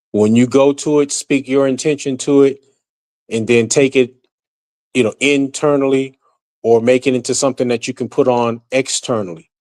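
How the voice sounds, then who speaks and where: A man speaking casually on a spiritual group call, rambling with frequent restarts and fillers, by his own account usually monotone. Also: medium pitch. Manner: self-described monotone. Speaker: community call participant.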